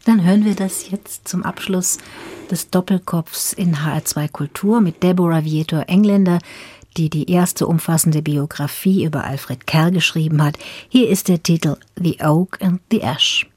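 A woman's voice: on the low side, moderate pace, a little mellow, husky, dry recording. A woman hosting a radio interview, asking formal, polite questions. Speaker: radio host.

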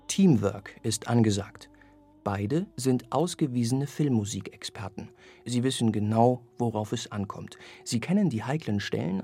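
A man reading a scripted radio review of an orchestral album in a measured, evaluative way. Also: medium pitch, dark tone, breathy edge. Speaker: music critic.

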